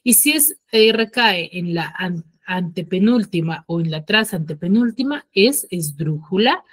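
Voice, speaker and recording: A woman's voice: lowish voice, animated, dry recording. Woman teaching an online class. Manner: checks understanding with frequent "ya?" and "sí?"; slows down to stress key rules.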